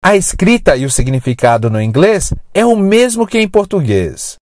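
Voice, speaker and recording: An English teacher narrating a scripted lesson, modelling words slowly and clearly. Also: mid-range voice, big pitch swings, darkish tone, no room sound, clean studio sound. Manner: slow, clear, drawn-out word modelling.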